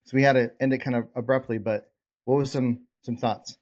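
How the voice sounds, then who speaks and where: Speaking a little fast, a man with a medium-pitched, darkish voice keeps his intonation fairly even. He hosts an informal, encouraging group coaching session over video, checking in with participants, on dull, lo-fi call audio.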